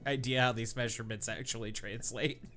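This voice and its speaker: A podcast host with a steady, slightly bright mid-range voice moves fairly quickly through a comic reading of bad fan fiction. He keeps stumbling over the clumsy prose, breaking into laughter and adding incredulous, mocking asides.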